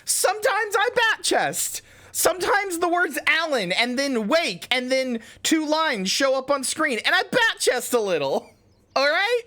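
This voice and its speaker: A streamer with a cute anime streamer manner, doing animated live commentary and swooping theatrically into high-pitched mock indignation. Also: measured pace.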